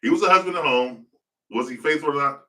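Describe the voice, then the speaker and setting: A man's voice: on the high side, fast, sharp tone, far from the mic. A man hosting a podcast, riffing in casual, profane, rambling gossip commentary and laughing often. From United States. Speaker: podcast host.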